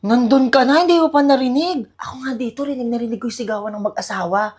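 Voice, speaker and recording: A woman's voice: fairly high pitch, quick pace, a little mellow, slightly rough. A woman acting as a strict, nagging mother who lectures and scolds her daughter sarcastically in a comedy skit. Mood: scolding.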